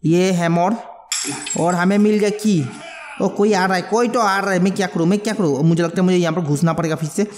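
A man giving jumpy, excitable let's play commentary on a horror game, mixing English words into his talk. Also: high voice, a little fast, in a large hall, a little hiss or hum. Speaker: gamer.

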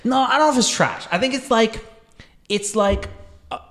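A man's voice: extremely high pitch, animated, moderate pace, fairly bright tone. A man in his thirties with a Toronto accent, bantering as a podcast co-host in a slangy, teasing way. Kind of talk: casual banter. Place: small indoor podcast studio. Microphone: close podcast microphone on stand.

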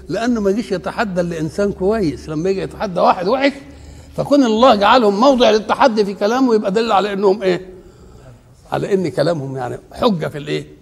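A man with an Egyptian Arabic accent gives a religious lecture on Quran commentary, his voice a little higher than most men's and rough with gravel. He keeps throwing rhetorical questions at his listeners for them to finish. The recording carries the long reverb of a large hall. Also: a little mellow. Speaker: Quran teacher.

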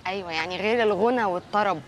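A woman's voice: medium pitch, rapid-fire, lo-fi sound, a little hiss or hum, lightly acted. An actress with an Egyptian accent playing a chatty, curious young woman from the neighbourhood. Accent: Egyptian Arabic.

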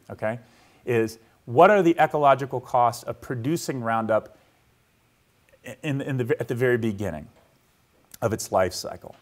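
A man giving a university lecture to a live audience in a hall. He talks conversationally, keeps checking in with the room, and walks listeners through a scene he asks them to picture. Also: mid-range voice.

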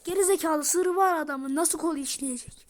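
A woman voicing every role of an amateur game drama in a heated, shouty, slangy way. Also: high voice, normal speed.

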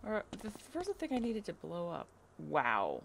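A woman's voice: on the low side, huge pitch swings, moderate pace. A young adult woman giving casual live gameplay commentary, playfully musing aloud to herself. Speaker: video game streamer. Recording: clearly noisy live stream with clicks.

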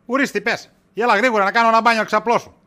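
A man's voice: high voice, fairly even intonation, pushed and bright. A man playing a weary, evasive husband. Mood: exasperated. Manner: exasperated, dodging, wisecracking. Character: tired, evasive shopkeeper husband, middle-aged. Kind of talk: comedy sketch acting.

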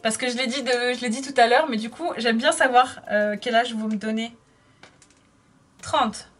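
A woman's voice: a little high, normal speed, a bit bright, faint music behind. A woman in her thirties chatting casually while doing her makeup, reading viewer comments aloud and answering them. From France. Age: 30s. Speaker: makeup vlogger.

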